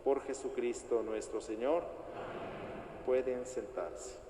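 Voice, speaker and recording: A man, leading prayers at Mass as the priest in a slow, solemn, formal way, his voice ringing with cathedral echo. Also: mid-range voice, steady tone, dark tone. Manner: measured, solemn, formal intoning. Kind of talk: liturgical prayer recitation at Mass. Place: large church. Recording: echoey church with long reverb, faint noise.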